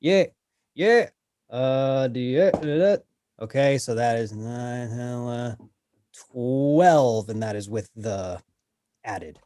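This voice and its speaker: Man, tabletop player, casual game chat, mid-range pitch, very dry recording. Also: animated, takes it slowly, warm tone, no echo.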